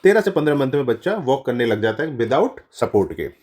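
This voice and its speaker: A male tutor gives an exam-prep lecture to nursing students. He mixes English terms into his explanation, repeats each key answer and corrects himself mid-sentence. His voice sits at an ordinary middle pitch. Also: very animated, fairly quick, a little mellow, breathy edge. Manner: addresses students as children.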